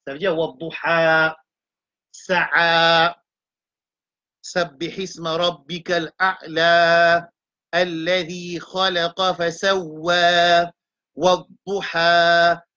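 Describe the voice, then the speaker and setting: A woman teaching Quran reading in a live class. She explains the letters step by step and chants verses slowly. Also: a little high, fairly bright tone, slightly rough, highs cut off.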